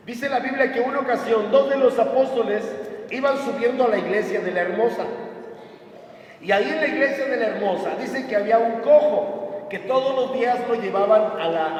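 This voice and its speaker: A man's voice: high voice, slight background noise. A man preaching a conversational sermon, acting out voices as he retells stories. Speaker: pastor. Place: church hall. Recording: echoey hall from far off.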